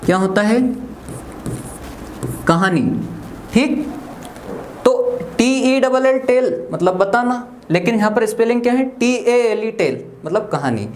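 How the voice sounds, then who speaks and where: A man's voice: sits high, animated, a little slow, long pauses. A man teaching an English lesson to students, spelling words letter by letter and often checking that they follow. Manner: checks understanding with frequent "theek" and "clear hai". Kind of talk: classroom lecture. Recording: echoey room, faint room noise.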